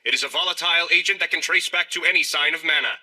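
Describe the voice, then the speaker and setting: A pompous noble lord. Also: male voice, on the high side, quick pace, sharp tone. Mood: boastful. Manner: showy, self-important. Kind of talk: anime English dub.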